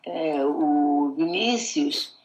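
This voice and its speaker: A woman's voice: low-pitched, very slow, darkish tone. An older woman with a Brazilian accent, reminiscing conversationally as an interviewee, repeating words and adding little tag questions. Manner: hesitant, repeats words, checks with tags. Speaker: interviewee, actress. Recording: echoey room.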